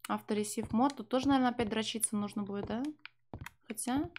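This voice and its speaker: A young woman streams a game from a small room at home, talking to her viewers, cursing freely and translating the game's dialogue as it plays. Her voice is a little high and fast with a darkish tone, over a faint hiss or hum. It's casual live game commentary with translation, delivered in a profane, sardonic way.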